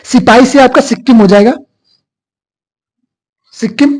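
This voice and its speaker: A man's voice: very high voice, moderate pace, darkish tone, low-quality recording. A male teacher giving an exam coaching lecture, asking questions and answering them himself. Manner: repetitive call-and-response questioning.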